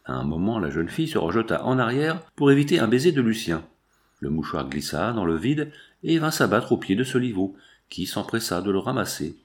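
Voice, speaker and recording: A man narrating a novel in an expressive storytelling manner. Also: on the low side, brisk. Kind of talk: audiobook narration.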